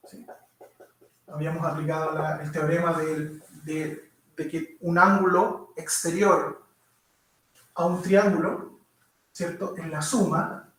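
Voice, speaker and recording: Male physics teacher, unhurried, recorded from afar. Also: a little high, a bit bright, a little hiss or hum. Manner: keeps checking understanding with tag questions. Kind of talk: lecture. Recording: very echoey room, mic far off.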